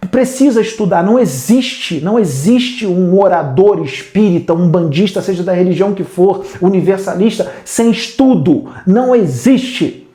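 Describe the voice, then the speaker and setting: A man's voice: high-pitched, lively intonation, moderate pace, mellow, reverberant. Blunt scolding Brazilian man. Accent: Brazilian Portuguese. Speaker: spiritual medium. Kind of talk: spiritual lecture.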